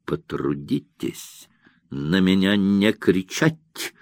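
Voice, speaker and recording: Man playing haughty officer, cold, curt, low, slow, dry storybook reading. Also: sing-song, darkish tone, no room sound, full character voice. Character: cold, arrogant male cavalry officer.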